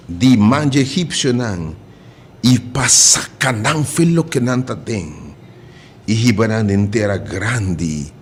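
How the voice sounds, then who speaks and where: A man's voice: lowish voice, slight background noise. A man preaching a radio sermon, fervent and repetitive, rising to cries.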